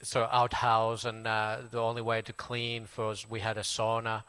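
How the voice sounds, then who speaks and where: A man in his forties from Finland with a Finnish accent, a Buddhist monk casually introducing himself in halting English full of fillers and restarts. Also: lowish voice, monotone, pushed and bright, clear, resonant tone. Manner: halting, many fillers and restarts, plain friendly telling. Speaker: Buddhist monk giving a talk. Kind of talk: casual spoken self-introduction.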